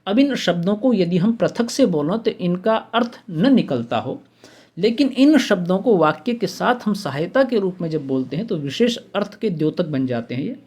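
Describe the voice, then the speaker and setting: Methodical male grammar teacher, fairly high voice. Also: expressive, moderate pace, darkish tone, husky. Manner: methodical, lists examples one by one, repeats key terms. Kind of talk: explanatory grammar lesson.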